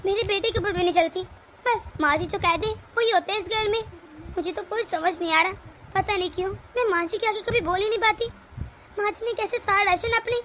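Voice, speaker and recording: A woman's voice: very high voice, sharp tone, a little hiss or hum. A woman voicing a browbeaten middle-aged wife in a cartoon story, complaining and pleading. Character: browbeaten middle-aged wife, long-suffering daughter-in-law. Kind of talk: cartoon voice acting.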